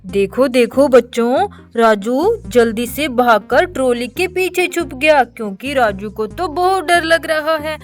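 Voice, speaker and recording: A woman narrates a toy adventure for young children in a high, bright-sounding voice and an unhurried pace. She keeps calling out to the kids and to the toy characters with eager exclamations. Soft music plays quietly underneath. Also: expressive. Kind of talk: storytelling to children.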